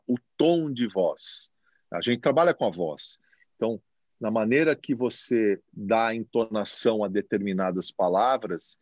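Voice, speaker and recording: A man who manages a TV station, answering interview questions in a reflective, expressive way and gesturing as he talks, recorded in a TV recording studio. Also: medium pitch, no room sound. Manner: expressive, speaks with his hands.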